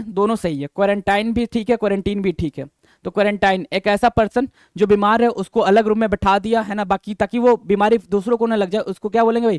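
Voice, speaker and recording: High-voiced man teaching vocabulary. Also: a little mellow, no room sound. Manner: repetitive, addresses viewers as "bhai", quizzing questions; reads English definitions slowly, then explains. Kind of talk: lecture-style teaching.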